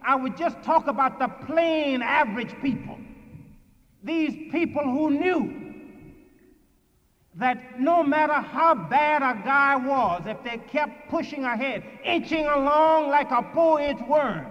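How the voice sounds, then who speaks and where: A man with a Lowcountry Geechee accent giving an emphatic, deliberate speech in a preaching manner, with dramatic pauses and repetition. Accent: Gullah Geechee Lowcountry. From Sea Islands of the southeastern United States. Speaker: orator. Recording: dull archival recording, long hall reverb.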